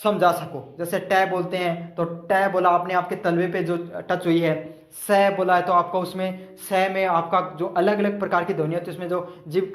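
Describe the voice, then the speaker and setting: In a reverberant recording, a man with a high-pitched voice explains multiple-choice exam answers to students. His method is to raise questions aloud, resolve them, and repeat each idea another way.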